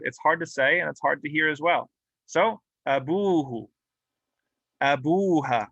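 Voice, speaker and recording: A man's voice: medium pitch, sharp tone, dry recording, dull audio. A man teaching a classroom grammar lesson, explaining patiently and drilling example words aloud with light humor. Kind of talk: classroom lecture. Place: mosque classroom.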